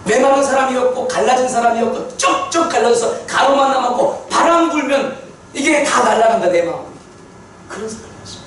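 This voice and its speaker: A man preaching a sermon testimony, telling his story with animated repetition for emphasis. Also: very high-pitched, fairly quick, slight background noise. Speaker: pastor. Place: church sanctuary. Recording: echoey church hall from far off.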